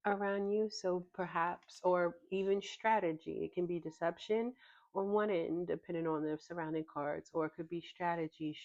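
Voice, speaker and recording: A woman with a notably low voice talks through a tarot spread in a relaxed, unhurried way, pausing often with ums as she thinks aloud. The recording sounds a little dull and lo-fi. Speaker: tarot reader. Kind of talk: casual tarot reading to camera.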